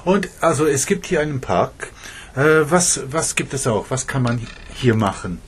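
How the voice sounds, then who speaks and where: Guy teacher quizzing a student, bouncy pitch, bit husky, lots of mhms. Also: lively intonation, normal speed. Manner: encouraging prompts, many mhms. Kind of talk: oral exam practice.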